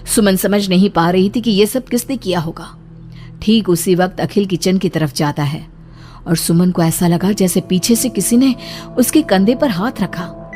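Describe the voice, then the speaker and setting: A woman narrating a scripted horror story for a cartoon in a steady, suspenseful way. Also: mid-range voice, moderate pace, soft background music.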